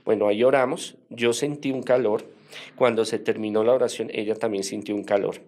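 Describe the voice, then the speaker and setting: A man, an exorcist priest, telling his story in an interview in a measured, hesitant way with many fillers. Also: on the low side, fairly even intonation, darkish tone.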